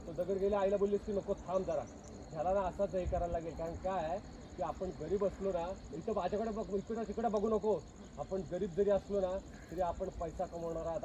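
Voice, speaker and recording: A man with a Marathi accent directs a child actor on a rural film shoot and narrates every action she should make. His voice sits on the higher side. Insects and outdoor noise come through clearly behind him. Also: recorded from a distance, dull audio. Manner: coaching, talks through each action and line.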